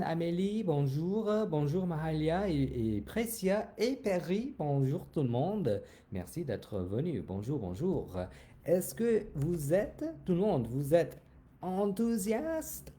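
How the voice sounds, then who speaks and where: A man runs a mini French lesson at a slow, patient pace, his pitch swinging up and down as he drills each word twice. His voice is mellow and a little dark. A faint ambient hiss sits behind him. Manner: repeats words slowly, sings greetings. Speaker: French teacher.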